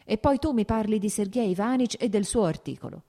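A woman voicing a bitter, ailing man who argues in agitated, shouting outbursts, read as an audiobook character. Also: mid-range voice, fairly quick, pitched above the performer's own voice, natural voice. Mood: heated.

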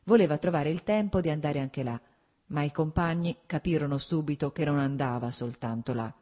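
A woman narrating an audiobook in a calm, measured reading voice. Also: deep voice.

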